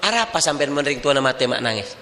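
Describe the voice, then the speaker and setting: A man with a Madurese accent preaching a lively sermon to a women's gathering. He talks emphatically and keeps asking the crowd rhetorical questions. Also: medium pitch, fast talker, soft background music. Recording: echoey reverberant hall.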